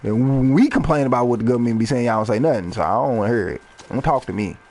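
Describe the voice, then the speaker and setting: A man's voice: medium pitch, fast, darkish tone. A man in his thirties, a rapper, rambling freely and swearing during casual gameplay commentary. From United States. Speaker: rapper and gaming streamer.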